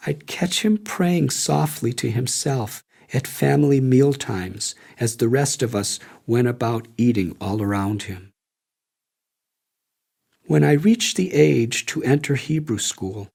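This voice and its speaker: Slow, gravelly male memoir narrator. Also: mid-range voice. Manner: slow, measured, reflective reading. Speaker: audiobook narrator. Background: soft guitar music.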